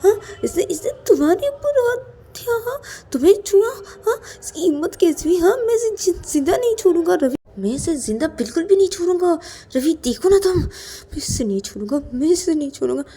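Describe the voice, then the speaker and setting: Woman voicing a hot-tempered protective young man, loud repeated threats, mellow tone. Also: on the high side, measured pace, creaky, pitched above the performer's own voice. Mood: furious. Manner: shouting threats, then soothing.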